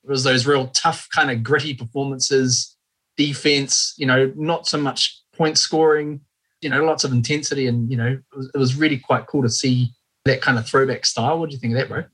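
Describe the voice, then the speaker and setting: A man's voice: mid-range voice, fairly even intonation, a little fast, fairly bright tone, slightly rough. New Zealand man hosting, Maori-influenced accent. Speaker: podcast host. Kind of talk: casual sports podcast chat.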